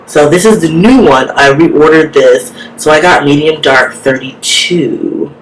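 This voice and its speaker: A woman's voice: deep voice, measured pace, low-quality recording. Chatty woman vlogger, "like" in every phrase. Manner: chatty, filler-heavy, says "like" often. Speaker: beauty vlogger. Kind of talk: casual makeup tutorial. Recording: steady background hiss.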